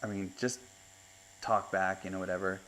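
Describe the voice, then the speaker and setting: A man's voice: deep voice, little pitch movement, moderate pace, a bit bright, slight background noise. A man in his fifties, a tattoo artist hosting a podcast, telling stories in a chatty, laughing way from his studio on a lapel mic. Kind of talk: casual chat.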